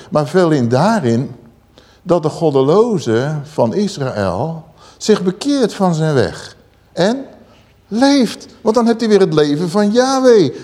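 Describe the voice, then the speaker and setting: Lively Dutch-speaking male preacher. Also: high voice. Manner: lively, questioning the listeners, reading scripture aloud with dramatic pauses. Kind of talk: sermon.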